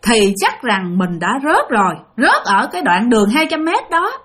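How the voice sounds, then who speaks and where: Woman, ghost story narrator, talks straight to listeners, fairly high voice, very lively intonation. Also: moderate pace. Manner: dramatic, addresses listeners directly.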